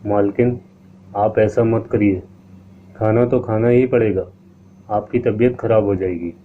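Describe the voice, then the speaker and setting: A man's voice: fairly low pitch, fairly even intonation, a little slow, lightly acted. A man voicing a sly fawning maid. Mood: coaxing. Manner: coaxing and wheedling. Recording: tinny lo-fi line with faint hiss.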